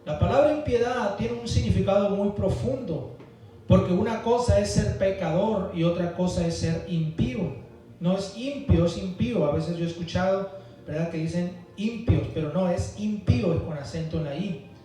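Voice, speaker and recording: High-voiced preacher in an echoey church hall. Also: male voice, normal speed, dark tone, far from the mic, soft background music. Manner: emphatic preaching, calls for amens. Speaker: pastor. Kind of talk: Sunday school sermon.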